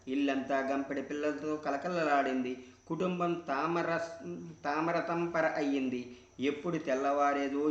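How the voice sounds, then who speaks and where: A man reading a scriptural story aloud in a measured, devotional way, in a roomy, dull recording. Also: a little high.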